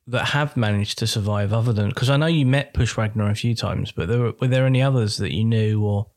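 A man's voice: fairly low pitch, fairly quick, a little mellow. A man chatting casually as a podcast co-host, asking questions and helping his partner find English words. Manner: curious, asks questions, helps with words. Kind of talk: casual chat.

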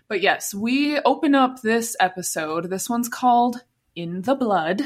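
A woman's voice: a little high, expressive, a little slow. Giggly woman podcast co-host. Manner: laughs often, searches for words, self-deprecating. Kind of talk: casual chat recapping a TV show.

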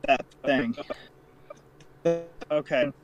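A man's voice: medium pitch, steady tone, highs cut off, music in the background. Man on a choppy, breaking-up call. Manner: hesitant, halting, with many fillers. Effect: choppy, breaking-up online call audio. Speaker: player. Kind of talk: casual tabletop game play over an online call.

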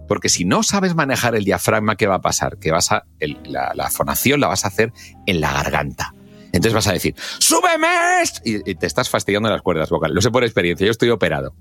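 A man with years in radio, talking through tips in a casual podcast chat. His pitch swings widely and he acts out examples as he goes, with faint music underneath. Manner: lively, animated speaker, acts out examples, bursts into shouted goal calls. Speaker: guest mentor and radio broadcaster. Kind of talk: casual advice talk on a podcast.

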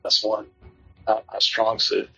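A man's voice: on the low side, monotone, measured pace, creaky, pushed and bright, slightly rough, faint music behind. A man playing a tabletop game, laid-back and self-deprecating, on a dull lo-fi mic. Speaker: player.

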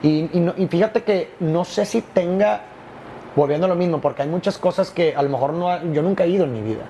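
A man's voice: high-pitched, brisk, warm tone, a little hiss or hum. A man in a casual chat who talks in an agreeable, affirming way with fillers.

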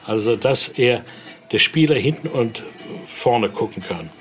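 Soft music plays behind a man whose medium-pitched, slightly bright voice is expressive and unhurried. He is a museum guide and voodoo expert giving a relaxed tour of an indoor exhibition room, explaining things and slipping in frequent small tag questions, with faint background noise on location.

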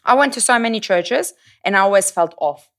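A young woman from Germany, a German native speaker with a German accent, chatting casually as a podcast guest and telling a lively story, sometimes hunting for the right English word. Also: medium pitch, a little fast. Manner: lively, self-correcting, searches for English words.

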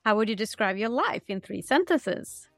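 A woman's voice: medium pitch, big pitch swings, moderate pace, no echo, studio quality, faint music behind. A woman hosting an interview, reading out scripted questions in an upbeat, structured way. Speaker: interview host.

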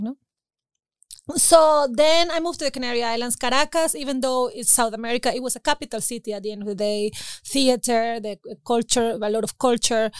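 A woman, a podcast guest telling stories in casual chat, animated and laughing often. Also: a little high, no echo. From Venezuela. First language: Spanish. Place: recording studio.

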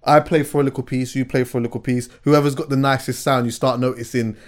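A man's voice: mid-range voice, level tone, fast talker. A man with a London English accent hosting a podcast in casual, slangy chat, often tagging his phrases with "yeah". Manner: conversational, often punctuates with "yeah" and "you know". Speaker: podcast host.

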